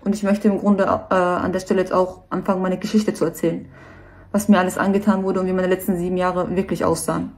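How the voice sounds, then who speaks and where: A woman's voice: lowish voice, level tone, fast, a little mellow. A nervous woman giving a personal statement to camera, earnest and hesitant.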